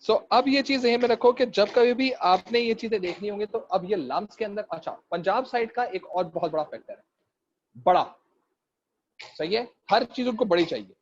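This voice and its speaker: A high-voiced man from Pakistan with a Karachi Urdu accent gives an online class lecture. He jokes, mixes English into his Urdu, and keeps tagging fillers onto his sentences. The audio is dull and lo-fi. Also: normal speed, slight background noise. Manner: repeats fillers. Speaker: teacher.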